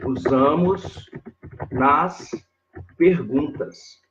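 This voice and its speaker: A man teaching grammar in a live online lesson, talking slowly and repeating himself as he points things out on a board. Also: fairly high pitch, fairly bright tone, lo-fi sound, a little hiss or hum. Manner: slow and repetitive, constantly saying "ó" and "olha lá" while writing on a board.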